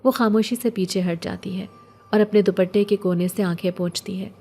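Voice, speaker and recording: A woman narrating a scripted story in a steady, measured way. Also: mid-range voice.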